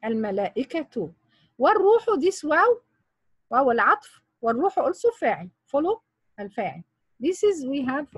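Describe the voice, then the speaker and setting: Slow, high-voiced grammar teacher, a woman. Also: husky, dry recording. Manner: mixes Arabic and English, quizzing students with repeated questions. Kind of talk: online grammar lesson.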